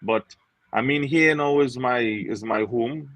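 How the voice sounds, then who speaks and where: A man's voice: medium pitch, measured pace, fairly bright tone, no echo, rough recording. A man from Trinidad, a singer chatting as a guest in an easygoing way with lots of fillers. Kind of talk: casual interview chat.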